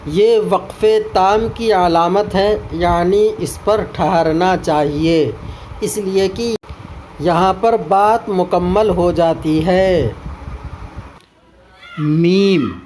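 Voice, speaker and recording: A man with a high voice teaches a lesson, explaining each point step by step and acting out short spoken examples. A faint hum of room ambience sits behind him.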